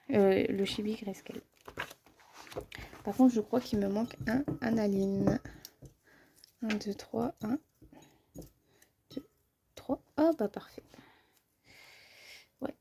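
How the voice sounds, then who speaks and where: A woman chatting casually in a vlog about her book collection, hesitant, with many pauses and fillers, sometimes dropping to a near-whisper. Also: medium pitch, warm tone, slight background noise.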